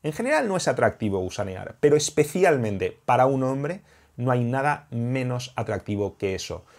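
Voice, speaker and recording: A man's voice: medium pitch, sing-song, moderate pace, darkish tone. A young man with a Spain Spanish accent, a dating coach talking straight to camera in an emphatic, heated and repetitive vlog monologue.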